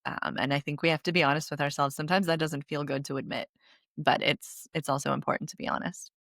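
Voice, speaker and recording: Very deep gravelly woman host. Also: steady tone, fast talker, fairly bright tone, no room sound, studio quality. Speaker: podcast host. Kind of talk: casual chat.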